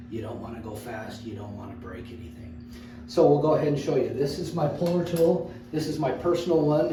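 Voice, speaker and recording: Guy doing a plumbing how-to, careful and unhurried, echoey bathroom, kinda far from the mic. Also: medium pitch. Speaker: plumber presenting a tool tutorial. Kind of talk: instructional how-to video, informal demonstration. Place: tiled home bathroom, indoors. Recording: echoey bathroom, distant mic, background noise.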